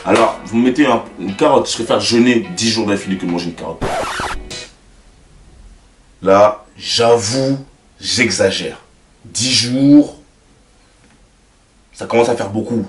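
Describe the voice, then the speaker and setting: A young man with a French accent, a YouTuber telling stories in a casual, slangy, animated way and talking straight to the viewer. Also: fairly low pitch, unhurried, long pauses, recorded from a distance. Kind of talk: casual storytelling to camera. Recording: roomy, away from the mic, faint music.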